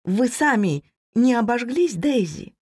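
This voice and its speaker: A woman voicing a soft-spoken, sweetly polite young woman. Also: on the high side, expressive, unhurried, slightly rough, pitched above the performer's own voice, full character voice. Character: sweet-mannered young woman hiding malice.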